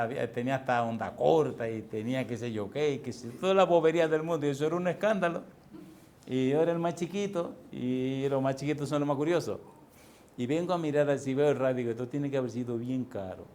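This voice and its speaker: A man preaching a sermon as pastor, asking the congregation questions and telling lively personal stories. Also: mid-range voice, a little hiss or hum. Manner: preaches with call-and-response questions and lively storytelling.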